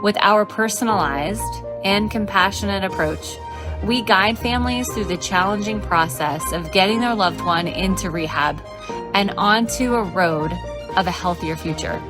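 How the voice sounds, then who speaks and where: A woman reading a scripted sponsor advertisement in a smooth, promotional way. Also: medium pitch, measured pace, music in the background. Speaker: ad announcer. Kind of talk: read commercial.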